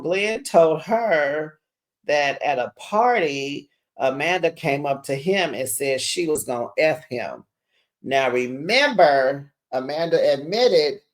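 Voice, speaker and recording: A host, giving a sassy, slangy, casual reality-TV recap straight to viewers. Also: mid-range voice.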